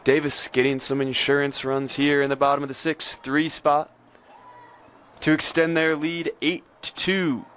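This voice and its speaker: A man's voice: on the high side, little pitch movement, unhurried, a bit bright, a little hiss or hum. A man giving live play-by-play baseball commentary as a sports announcer.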